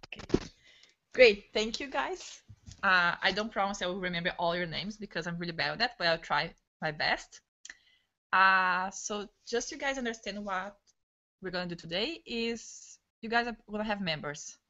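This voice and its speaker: A woman runs an online training session, her words tumbling out fast and eager, often restarting mid-word. Her voice sits at a middle pitch. The audio is muffled and lo-fi, like a video call. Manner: fast, excitable, restarts words, non-native English. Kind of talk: live online training talk.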